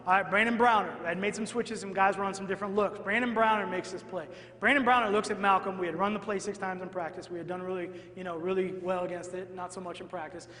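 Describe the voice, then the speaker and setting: A man, a football coach, giving an energetic clinic talk to an audience and often asking "all right?" as he goes. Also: high voice, fast, few pauses. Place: large hall at a clinic. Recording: echoey hall, long reverb.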